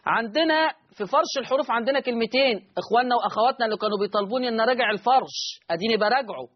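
A man with an Egyptian accent teaching Quran recitation on a call-in lesson, repeating each point slowly so listeners can write it down. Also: very high voice, lo-fi sound. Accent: Egyptian Arabic.

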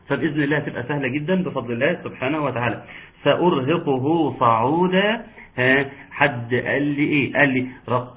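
Egyptian male tajweed teacher, patient, models sounds slowly, mid-pitched, thin phone-like audio. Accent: Egyptian Arabic. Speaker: Quran recitation teacher. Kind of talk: online tajweed lesson. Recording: tinny phone-like line.

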